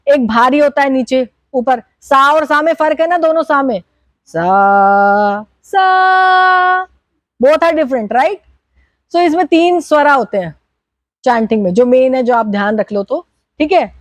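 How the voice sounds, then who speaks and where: A woman's voice: sits high, normal speed, dry recording. A woman teaching a workshop group how to chant mantras, explaining and demonstrating, checking in with the group again and again. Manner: instructive, checks in with "theek hai?" often, demonstrates chants. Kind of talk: workshop teaching, mixing Hindi and English.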